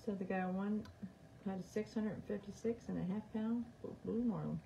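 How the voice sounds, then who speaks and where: A woman's voice: mid-range voice, normal speed, vocal fry, warm tone, slight background noise, low-quality recording. A woman co-hosting a livestream in casual chat, reading out viewer comments and teasing her partner.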